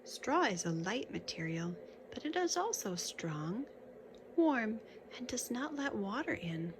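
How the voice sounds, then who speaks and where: With a noisy background behind her, a woman whose voice sits on the high side and swings widely in pitch reads a picture book aloud for little ones. She's instructive, pausing to point out the pictures, asking about them and adding casual comments.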